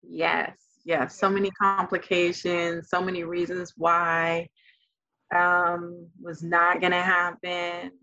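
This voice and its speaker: A middle-aged woman telling her child a tender, faith-filled story of motherhood, laughing softly between thoughts. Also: lowish voice, monotone, slow, no room sound, muffled recording. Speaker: guest mother. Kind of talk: heartfelt personal storytelling.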